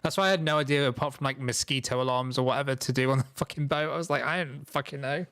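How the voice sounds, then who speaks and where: A man's voice: medium pitch, very fast, fairly bright tone, clean tone, dry recording, studio quality. A man narrating and ruling as game master in a casual tabletop session, loose and swearing freely. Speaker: dungeon master.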